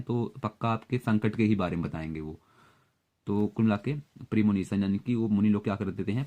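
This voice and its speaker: A man teaching exam vocabulary, explaining words and memory tricks at a steady pace with frequent fillers. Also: lowish voice. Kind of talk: Hindi-English vocabulary lesson with memory tricks.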